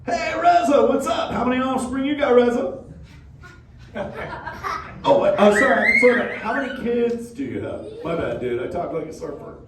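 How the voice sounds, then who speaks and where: An actor voices a laid-back sea turtle dad for a live crowd, using an extremely high voice with lively intonation at a moderate pace. Playful and easygoing, he speaks surfer slang and drawls "dude" and "bro." The interactive show is picked up by a distant mic with roomy echo and crowd noise.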